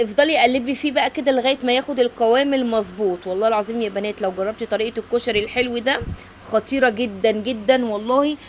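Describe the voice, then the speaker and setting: A middle-aged Egyptian woman talks over a cooking video in a rapid, tumbling stream, heaping blessings and oaths on her viewers. Her voice sits a little high for a woman. A faint hiss of room ambience runs underneath. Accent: Egyptian Arabic. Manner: effusive, affectionate, full of blessings and oaths. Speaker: cooking channel host. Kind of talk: casual recipe voice-over.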